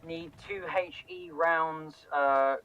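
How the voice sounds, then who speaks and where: A man calling in orders over a helmet-style radio intercom in terse, steady military radio procedure. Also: on the high side, slow, slight background noise. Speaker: game player calling in over squad radio. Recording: lo-fi radio audio with faint music.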